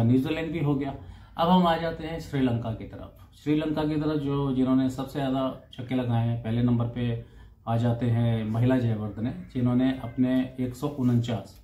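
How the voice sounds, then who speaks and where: A man casually reading out cricket statistics, saying the numbers in both Hindi and English and pausing now and then over names and figures. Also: medium pitch, dark tone, slight background noise. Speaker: cricket stats presenter. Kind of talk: casual talk. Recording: roomy echo with faint ambience.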